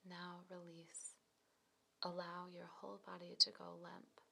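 A woman leads a scripted guided relaxation in a soft, breathy, near-whispered voice, giving slow, calm, soothing instructions. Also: lowish voice, slight background noise.

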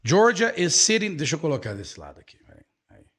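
A man with a Brazilian accent teaching English in a live online lesson, repeating every phrase slowly and switching between English and Portuguese. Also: a little high, wildly swooping pitch, fairly bright tone, husky.

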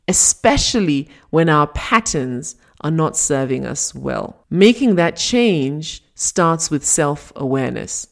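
A woman giving a scripted motivational talk, telling a fable in a deliberate, emphatic way. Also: on the low side, darkish tone. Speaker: motivational speaker.

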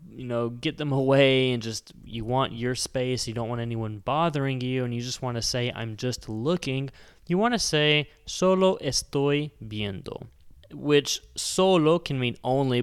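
A young man with a smooth, resonant voice in a middle register hosts a casual Spanish lesson podcast. He speaks in an upbeat, chatty way. He slows down deliberately whenever he models a Spanish phrase. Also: mid-range voice, fairly bright tone. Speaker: Spanish teacher, podcast host.

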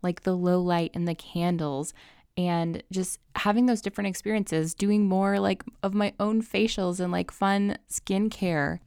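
A woman's voice: lowish voice, fairly even intonation, unhurried, darkish tone, smooth, dry recording, studio quality. A woman giving tips in a casual personal vlog, in an upbeat, tidy advice-giving manner with emphatic repetition. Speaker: lifestyle advice vlogger.

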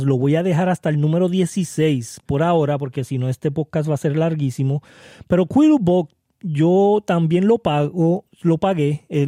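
A man's voice: on the high side, mellow, no echo, studio quality. A man hosting a casual podcast, chatty and repetitive, often checking in the listener and mixing in words. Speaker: podcast host. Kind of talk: casual podcast talk on marketing tools.

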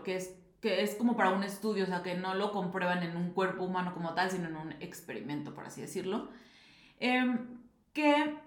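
Chatty woman in an echoey room. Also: medium pitch. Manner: chatty, animated, many fillers. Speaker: podcast host. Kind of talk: casual nutrition talk.

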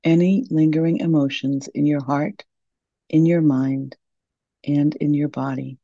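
Soft, creaky woman guiding meditation. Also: low-pitched, fairly even intonation, unhurried, no room sound, lo-fi sound. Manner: soft, soothing, gentle delivery. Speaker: meditation guide. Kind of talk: guided meditation.

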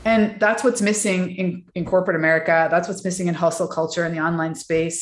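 Woman, wellness coach, chatty and reflective, lowish voice, echoey room. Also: steady tone, fairly quick. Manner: chatty, reflective, many fillers and restarts. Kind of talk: casual podcast interview.

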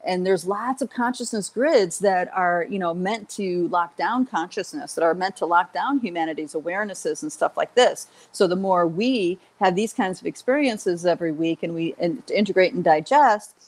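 Female spiritual teacher, lowish register, unscripted livestream talk to her group, halting and searching in delivery. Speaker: spiritual teacher leading an online group session.

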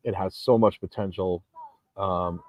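With a deep voice, fairly even intonation, and a slightly slow pace, a man in his forties who vlogs and runs a gym rambles emphatically on a beach, often restarting his sentences. The audio is dull and echo-free.

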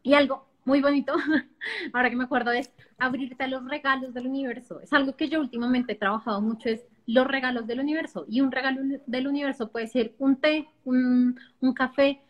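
A woman's voice: high voice, fairly even intonation, brisk, highs cut off. A woman, talking enthusiastically as a podcast guest and acting out little inner voices. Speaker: guest speaker on abundance. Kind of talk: casual podcast conversation.

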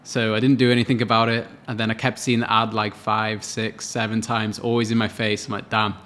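A man's voice: on the low side, level tone, brisk, a bit bright. A man in his late twenties, co-hosting a podcast and telling a story in casual chat. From Wales. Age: late 20s. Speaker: podcast co-host.

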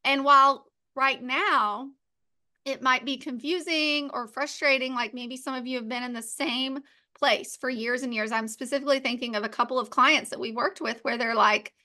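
A woman co-hosting a faith-based business podcast, talking in a chatty, animated way, full of "like" and "right.". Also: sits high, normal speed. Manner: animated, acts out playful quotes. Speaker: podcast co-host.

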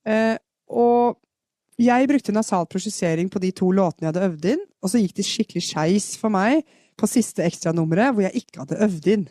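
A woman from Norway giving a chatty live podcast singing lesson, explaining technique and demonstrating vocal fry sounds. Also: medium pitch, mellow, dry recording, studio quality. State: has a cold. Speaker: singing teacher. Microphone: podcast microphone.

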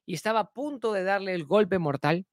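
In a close, dry recording with no room sound, a speaker with an ordinary middle-pitched voice briskly works through a self-help lesson. They say key phrases twice, pose rhetorical questions, and lean often on "entonces" as a filler, using it steadily to link each new point.

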